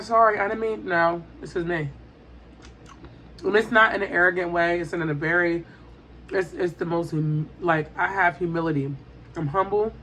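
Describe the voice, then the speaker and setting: A woman chatting casually and emphatically to her viewers while eating, repeating phrases and pausing with little mm sounds. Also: on the low side, fairly bright tone, a little hiss or hum. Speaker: mukbang vlogger.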